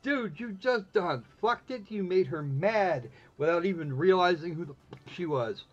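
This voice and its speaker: A man with a high, animated voice speaks at a moderate pace, tossing out casual, snarky live commentary while playing a visual novel. He exclaims and reads snippets aloud. The microphone sounds dull and lo-fi.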